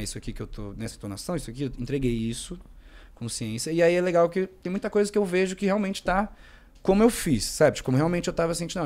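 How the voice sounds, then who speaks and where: Fast-talking young man, slangy and rambling. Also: on the high side, darkish tone. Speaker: actor guest. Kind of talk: casual podcast chat.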